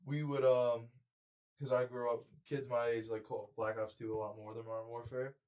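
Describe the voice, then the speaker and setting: A man in his twenties chatting on a podcast in a rambling way, peppered with "like" and curse words. His voice is mid-pitched for a man. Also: little pitch movement, moderate pace, darkish tone, poor audio. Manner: rambling, profane, lots of "like". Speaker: podcast co-host. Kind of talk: casual chat.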